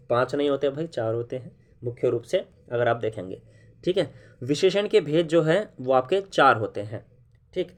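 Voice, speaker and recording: A male grammar teacher talks through an online lesson at an easy, unhurried pace. He repeats each new term, asks the viewers questions and keeps checking that they are with him. His pitch sits right in the middle for a man. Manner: explains slowly, with frequent "है ना" and "ठीक है" check-ins; repeats key terms for emphasis and puts questions to viewers. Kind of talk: classroom-style online lesson.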